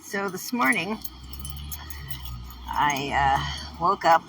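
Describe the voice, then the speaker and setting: A woman talks her way through a loose, meandering monologue, chuckling between thoughts. She sits a little back from the microphone inside a moving vehicle, and steady road noise hums under her voice. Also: low-pitched, very slow. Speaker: podcast host. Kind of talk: rambling personal monologue. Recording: distant mic with road noise.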